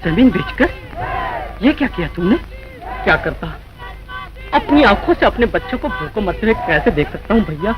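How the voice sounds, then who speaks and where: An actor playing an earnest, troubled villager in a 1940s film. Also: male voice, high-pitched, expressive, moderate pace, long pauses. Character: distressed male villager talking with a friend. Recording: dull old film soundtrack.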